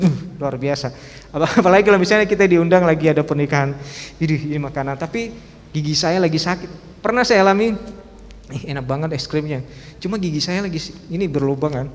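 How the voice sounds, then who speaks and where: A man preaching at a youth service in a casual, humorous way, chatting and laughing often as he talks. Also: a little high. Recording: long hall reverb.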